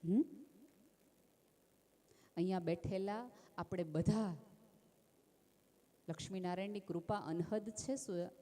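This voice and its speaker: Calm woman speaking in a big hall. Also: on the low side, takes it slowly, long pauses. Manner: calm, gentle, never raises her voice; intimate, addresses listeners as friend. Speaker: speaker at a community religious festival. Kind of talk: inspirational talk with storytelling. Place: stage at a large festival gathering. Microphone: stage microphone with PA. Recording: long reverb of a large venue.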